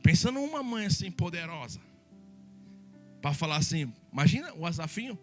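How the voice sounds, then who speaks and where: Lively joking pastor preaching a sermon. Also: male voice, fairly high pitch, normal speed, soft background music. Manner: lively, joking preacher who addresses the congregation directly.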